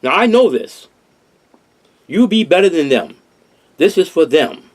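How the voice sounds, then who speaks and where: A man's voice: fairly high pitch, very animated, a little slow. Earnest older New man. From Harlem, New York. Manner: earnest, rambling with restarts and repeated phrases. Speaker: host. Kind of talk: casual discussion.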